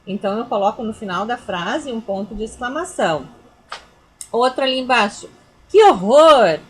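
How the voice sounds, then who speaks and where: A woman's voice: fairly high pitch, moderate pace, slightly rough. A woman with a Brazilian Portuguese accent, a teacher giving a recorded grammar lesson for children, explaining patiently, repeating herself and pointing things out.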